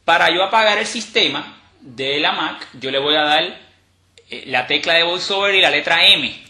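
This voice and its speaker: Guy walking thru a tutorial, slightly high voice, echoey room. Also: moderate pace. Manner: relaxed, explanatory, with frequent fillers and restarts. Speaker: instructor demonstrating a screen reader. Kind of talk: step-by-step tutorial podcast. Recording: roomy echo.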